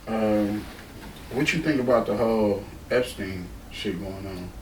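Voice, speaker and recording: A man interviewing a guest, asking casual questions in a hesitant, halting way. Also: fairly low pitch, reverberant, distant mic, slight background noise, low-quality recording.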